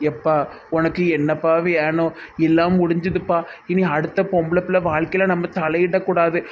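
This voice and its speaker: A gentle village father, as a performer plays him with a Tirunelveli Tamil accent. He talks in a soothing, pleading way, as in a comic village skit. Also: mid-range voice, flat delivery, normal speed, a little hiss or hum, natural voice.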